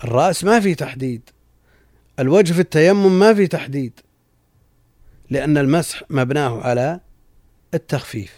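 A man teaching as a sheikh, reading out a classical text and explaining it in a measured way, often repeating lines for emphasis. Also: fairly high pitch, a little mellow, no echo, clean studio sound.

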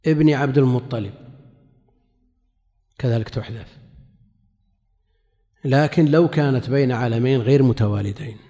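A man teaching a religious lesson, explaining a classical commentary in a measured way, with pauses between phrases. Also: mid-range voice, dark tone. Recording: long hall reverb.

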